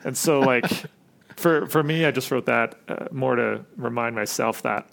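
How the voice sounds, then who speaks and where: A man's voice: medium pitch, unhurried, creaky, a bit bright. A man who runs an agency, answering interview questions in a casual, reflective way with many fillers. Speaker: agency CEO, guest.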